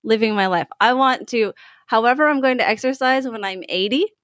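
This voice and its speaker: A woman's voice: on the high side, brisk, fairly bright tone, no echo, studio quality. A woman in her thirties, a guest in a casual interview, talking candidly and laughing easily. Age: 30s.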